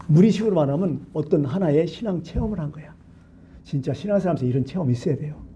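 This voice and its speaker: Man, pastor, church sermon, high-pitched, wide swings in pitch, rhetorical questions. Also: slight background noise. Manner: colloquial, animated preaching with rhetorical questions. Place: church sanctuary.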